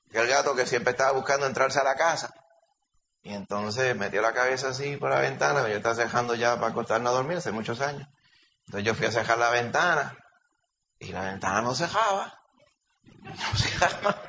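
A man preaching an animated sermon, telling stories and calling listeners brother. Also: mid-range voice, brisk, a little hiss or hum. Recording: dull lo-fi recording, faint ambience.

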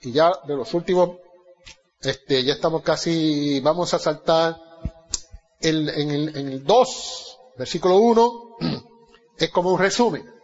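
A man preaches through a Bible passage, asking his congregation questions and answering them himself. His voice sits high and husky, climbing to loud emphasis and then dropping to soft, low asides. The recording sounds a little muffled and lo-fi. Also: takes it slowly, big-room sound. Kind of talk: Bible study sermon.

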